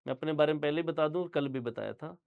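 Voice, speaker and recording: Talking fast in a voice on the high side, a young Punjabi man from Punjab, India, delivers an online general-knowledge lecture, addressing his students directly and checking in often. "Theek hai" comes up repeatedly. His voice is gravelly yet smooth, and the audio is narrow and tinny.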